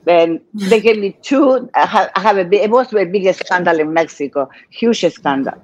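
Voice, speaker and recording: An older woman from Argentina with a Spanish accent, telling her life story as a guest in a casual interview, in halting non-native English. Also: medium pitch, expressive, dry recording, lo-fi sound. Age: 60s or older.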